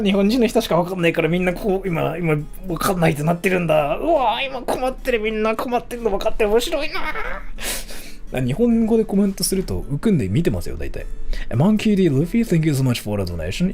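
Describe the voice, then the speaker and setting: A man's voice: sits high, big pitch swings, racing, darkish tone, soft background music. A man from Japan livestreaming, chatting loosely and answering viewer questions, going back and forth between English and Japanese.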